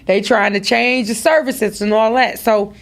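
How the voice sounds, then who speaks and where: With a steady tone, fairly high pitch, and measured pace, a mother of daughters preaches motivation directly to her podcast listeners, repeating phrases for emphasis.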